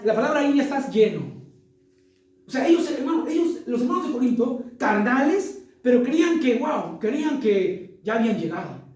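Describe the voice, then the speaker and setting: A man preaches with a very high, mellow voice, pressing each point and turning to his congregation with rhetorical questions. The sound is heavily echoey and picked up from far off in a church hall, as if the mic sits well away from him. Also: animated, moderate pace. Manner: emphatic, keeps addressing the congregation as brothers. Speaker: pastor. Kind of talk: sermon.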